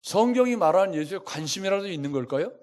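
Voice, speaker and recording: Male pastor, slightly high voice, preaching a sermon that keeps asking the congregation questions, lively, shifts loudness for emphasis. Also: fast. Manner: asks the congregation many rhetorical questions.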